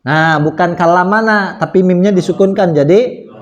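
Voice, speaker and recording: A man's voice: high-pitched, highs cut off. A man with an Indonesian accent teaching Arabic grammar to a class, asking questions and answering them patiently. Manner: slow, patient, asks and answers his own questions. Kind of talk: classroom lesson with questions to students. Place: small prayer room.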